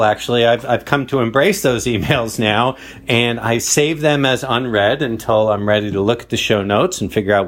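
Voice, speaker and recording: A man with an American accent leaving a casual, chatty voicemail as a listener calling in with feedback. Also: mid-range voice. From Connecticut, United States.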